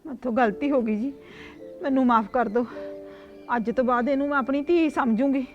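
An actress playing a nagging stepmother in a village comedy sketch, shrill and complaining. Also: a little fast, highs cut off, soft background music, natural voice. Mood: remorseful. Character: nagging middle-aged stepmother who later repents. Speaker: actress in a short comedy film.

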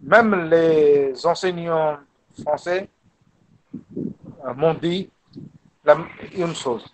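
Slow, high-voiced man lecturing in French. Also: low-quality recording. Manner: slow and deliberate, repeats himself, animated playful asides. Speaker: guest lecturer in a French teaching webinar. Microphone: video call.

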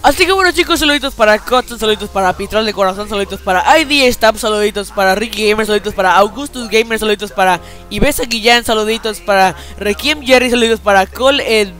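With soft background music, a teenage boy who makes gaming videos talks casually over his play into a headset, saying he's a bit under the weather and weak. His high, slightly bright voice moves fast with hardly a pause, and "chicos" fills every sentence.

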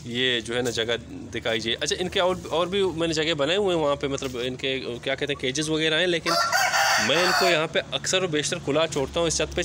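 A man's voice: on the high side, a bit bright. Chatty man touring his rooftop flock. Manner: chatty, repeats filler phrases. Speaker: poultry vlogger. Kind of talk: casual walk-through narration. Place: outdoor rooftop yard. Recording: outdoor ambient noise.

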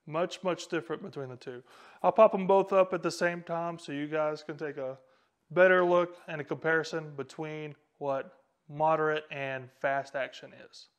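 A man's voice: on the high side, steady tone, moderate pace. A man, hosting a fishing channel and explaining gear casually to the camera in a small indoor room on a lapel mic. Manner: casual, talks straight to camera while handling rods. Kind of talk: instructional explainer. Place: small indoor room with a whiteboard and a tackle wall.

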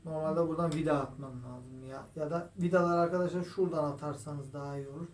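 A man's voice: a little high, fairly even intonation, fast talker. A man walking viewers through a guitar repair in a casual tutorial while he works, often addressing them as friends. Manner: explains while working, keeps calling viewers "friends". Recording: echoey room, distant mic, noisy.

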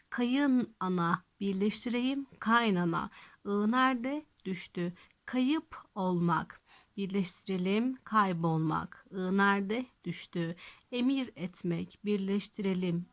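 A woman teacher giving a grammar lesson, who asks her own questions and answers them, and slows down on the examples. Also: medium pitch.

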